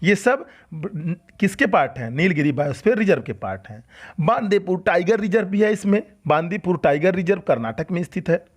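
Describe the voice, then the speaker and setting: Lively Hindi coaching teacher, animated. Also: male voice, high-pitched, brisk. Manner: explains and repeats key facts, asks and answers own questions. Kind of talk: exam-prep lecture.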